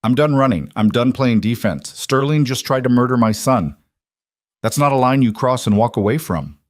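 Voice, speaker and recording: A man's voice: mid-range voice, expressive, normal speed, no room sound, voice pushed up, lightly acted. A man voicing a grieving, furious father who talks in firm, clipped declarations. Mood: angry.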